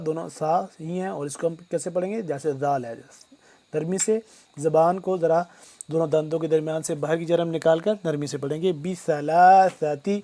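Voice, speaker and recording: A man teaching Quran recitation word by word, switching between slow, drawn-out recitation and quick explanations. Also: a little high, mellow.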